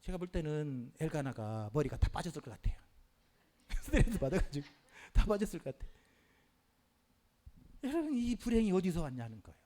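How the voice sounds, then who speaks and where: A middle-aged male pastor preaching a sermon in an animated way, with frequent hallelujahs and rhetorical questions to the congregation. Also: fairly high pitch, fairly quick, long pauses.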